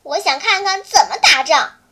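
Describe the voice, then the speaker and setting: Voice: very high voice, lively intonation, moderate pace, pushed and bright, full character voice. A storyteller voicing a brave, cheeky young village boy who talks eagerly, breathlessly and stubbornly. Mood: eager boyish.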